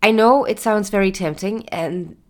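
A young woman talks through her solo podcast in an easy, chatty way, her voice stuffed up and nasal from a lingering cold. Her pitch sits in an ordinary middle range, and she fills pauses with small "um"s and "uh"s. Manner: chatty, with fillers and small laughs. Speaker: podcast host. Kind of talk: casual solo podcast talk.

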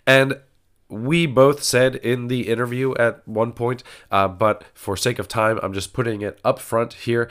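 A man hosting a podcast, sounding nasal from a cold, talking in a measured way with frequent fillers. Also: mid-range voice, fairly bright tone. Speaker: podcast host. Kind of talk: casual podcast intro.

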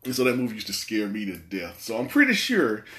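A man's voice: lowish voice, wildly swooping pitch, brisk, sharp tone. A man hosting a casual movie podcast, rambling and repeating his words as he talks. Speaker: podcast host. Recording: echoey room.

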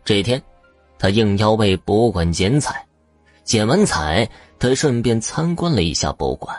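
Deep, expressive male storyteller. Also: normal speed, dry recording, faint music behind. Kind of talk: audio story narration.

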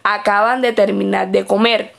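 A woman's voice: medium pitch, fairly even intonation, normal speed, creaky, slight background noise. A woman reading aloud her written observation report as a student observer, with small slips and self-corrections.

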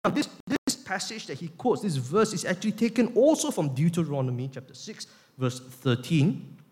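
A male pastor preaching a sermon, emphatic, slowing down to stress key words. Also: fairly high pitch, big pitch swings, darkish tone. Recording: long hall reverb.

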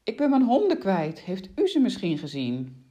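A woman voicing a flustered male huntsman on horseback, who exclaims loudly and dodges questions. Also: wildly swooping pitch, a little slow. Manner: high-pitched, loud, exclaiming.

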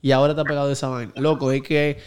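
A young man with a Dominican accent talking in a slangy, joking, animated way as a co-host on a casual podcast. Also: mid-range voice, very fast, noisy background.

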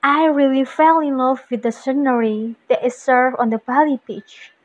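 A woman's voice: high-pitched, fairly even intonation, normal speed, natural voice. A young woman with an Indonesian accent playing an eager friend in a recited English dialogue about plans with friends, speaking carefully. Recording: muffled lo-fi recording.

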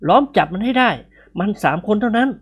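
A reader voicing a bold young soldier giving brisk, commanding orders in an audiobook. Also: mid-range voice, lively intonation, breathy edge, pitched above the performer's own voice.

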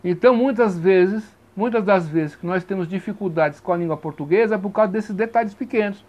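A man teaching grammar in an informal lesson, chatty and given to checking that listeners follow, spelling sounds out slowly. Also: sits high, a little mellow. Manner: chatty, repeats 'tá compreendendo?' often; spells out sounds slowly, stressing each vowel.

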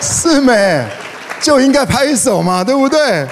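A man's voice: extremely high pitch, expressive, measured pace, a faint crowd. A middle-aged man preaching to a congregation, telling stories with humor and asking for call-and-response. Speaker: pastor. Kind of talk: sermon with humorous storytelling. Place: church hall. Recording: echoey hall with faint noise.

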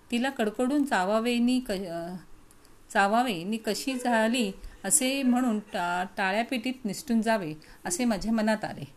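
A woman narrating a first-person novel aloud in a measured, reflective voice with small restarts. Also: fairly high pitch. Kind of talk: audiobook reading of a novel.

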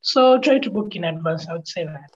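A Ugandan woman with a fairly low voice gives calm, practical advice as a podcast guest. Her audio is dull and lo-fi. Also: a little fast, breathy edge. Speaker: podcast guest, travel vlogger. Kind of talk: casual interview answers.

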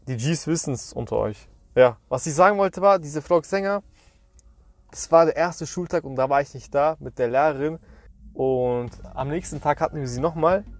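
A man's voice: a little high, moderate pace, no room sound. Slangy young man telling stories. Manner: slangy, rambling storyteller. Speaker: podcast co-host. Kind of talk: casual chat.

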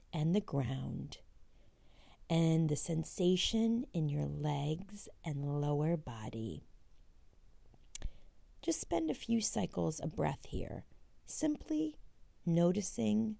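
A woman leading a guided meditation in a gentle, unhurried way, her voice breathy and drifting toward a near-whisper. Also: low-pitched, sing-song, no echo. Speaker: podcast host and meditation guide.

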